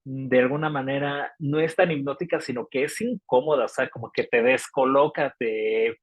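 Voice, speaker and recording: A man's voice: mid-range voice, steady tone, moderate pace, no echo. Chatty Mexican man, dry close sound. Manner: rambling, many fillers. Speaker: music reviewer. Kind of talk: casual panel chat.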